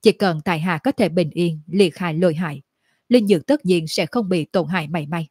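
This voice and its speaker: A woman reading as a calm cunning young cultivator. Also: lowish voice, fairly quick, slightly rough, no room sound, studio quality. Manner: composed, polite.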